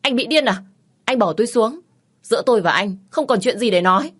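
A woman voicing a young pregnant wife who is defiant and frightened, shouting and pleading near tears. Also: fairly low pitch, moderate pace, natural voice. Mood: distraught.

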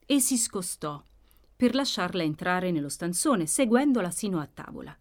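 A woman narrating a classic novel as an audiobook, measured and expressive. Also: lowish voice.

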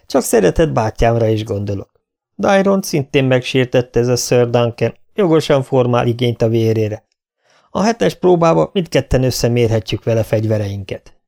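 Egy férfi, aki egy gúnyos, kegyetlen fiatal herceget szólaltat meg, nevetős megvetéssel. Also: male voice, mid-range voice, expressive, gravelly, darkish tone. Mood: mocking. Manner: sneering, laughing scorn. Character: cocky cruel young prince, mocking.

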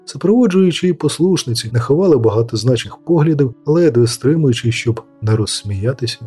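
A man narrating a fantasy audiobook in a steady storytelling manner, lightly voicing the characters. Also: medium pitch, brisk, breathy edge, faint music behind. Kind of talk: scripted narration.

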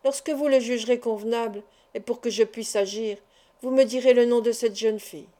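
A woman's voice: a little high, fairly even intonation, a little fast, mellow, close to an everyday voice. A woman voicing a composed, self-assured older male doctor who reassures a young man, in a read-aloud novel. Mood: reassuring.

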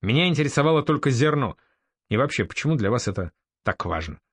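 A man voicing a bold young male raider-merchant leader in an audiobook, curt and sharp-tongued. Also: medium pitch, big pitch swings, fast talker, slightly rough, no room sound. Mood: brusque.

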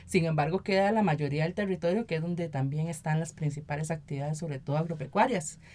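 Speaking fast in a deep, darkish voice, this Costa Rican woman appears as a guest on a conversational radio interview. A local council member and activist, she explains at length. Her statements are often followed by a tag question, "¿verdad?"

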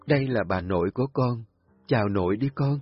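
A gentle young mother who speaks softly and earnestly, read by a male narrator. The voice is slightly husky and has a lively lilt. It sounds dull and lo-fi. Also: mid-range voice, brisk, no room sound, faint music behind. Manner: soft, earnest pleading. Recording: dull lo-fi recording.

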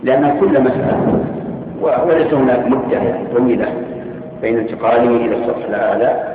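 A man teaching as a sheikh, answering questions with firm, reasoned rulings. His brisk voice rings through a long hall reverb and comes from a distance. The sound is thin and phone-like, with a faint hiss underneath. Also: mid-range voice. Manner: measured, authoritative rulings with reasoning. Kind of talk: religious Q&A lesson. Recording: echoey hall from far off, tinny lo-fi, faint hiss.

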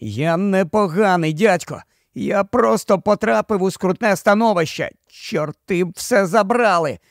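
A man's voice: high voice, expressive, unhurried, dry recording, clean studio sound. A man voicing a panicked middle-aged kidnapper who speaks tensely and stammers. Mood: nervous.

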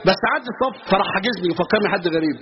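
A man's voice: high-pitched, racing. A man with an Egyptian Arabic accent giving a colloquial religious lesson, telling stories and asking rhetorical questions. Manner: storytelling, lively, asides and rhetorical questions. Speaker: religious teacher. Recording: muffled recording with steady hiss.

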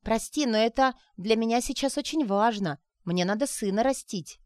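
A woman reading aloud and voicing a lively young woman who talks in a bright, teasing, chatty way. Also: on the high side, moderate pace, no echo, clean studio sound, pitched above the performer's own voice, lightly acted.

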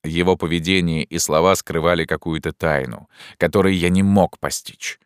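A man narrating a first-person audiobook in a measured, dramatic reading, recorded close in a studio. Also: low voice, steady tone, smooth, dry recording.

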